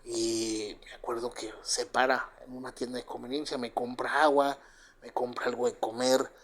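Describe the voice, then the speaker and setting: A man's voice: medium pitch, little pitch movement, moderate pace. A man with a Mexican accent telling a first-person true story, rambling with lots of fillers and tag questions. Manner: rambling, filler-heavy with frequent "pues" and "¿verdad?".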